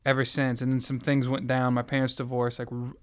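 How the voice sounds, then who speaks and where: A brisk, smooth, mid-range male voice with a completely flat delivery belongs to a young adult from the American South. He tells his faith story in an interview, earnest and reflective, as personal testimony in conversation.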